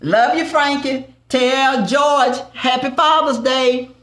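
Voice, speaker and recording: A woman's voice: high voice, takes it slowly, reverberant. A woman with a Southern accent hosting a live cooking stream. She banters with viewers and calls them baby and family. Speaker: cooking show host.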